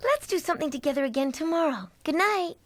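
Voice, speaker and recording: High, expressive young woman, anime dub. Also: fast, no echo. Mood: gently encouraging. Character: young woman hotel guest, friendly, earnest, romantic-minded.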